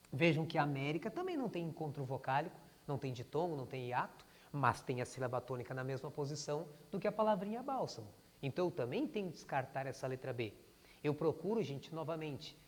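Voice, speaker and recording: A Brazilian man teaching grammar to students, who calls himself "o prof" and keeps calling the class "gente". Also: a little high. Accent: Brazilian Portuguese. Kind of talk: classroom lesson. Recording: long hall reverb.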